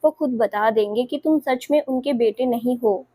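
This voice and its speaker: A woman's voice: on the high side, normal speed, dark tone, no echo, close to an everyday voice. A woman voicing a spiteful scheming aunt in a spoken story, with a sly, taunting manner.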